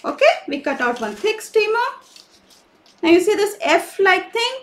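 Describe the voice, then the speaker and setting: Very high-pitched and sing-song, this craft teacher speaks in an unhurried way. Leading children through a live online craft class, she stays cheerful and encouraging and keeps checking in with lots of questions.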